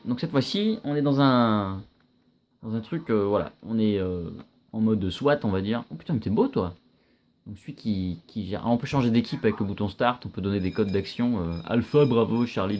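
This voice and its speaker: A young man giving casual, chatty commentary while playing a video game, reacting loudly and swearing often. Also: on the low side, moderate pace, a little hiss or hum.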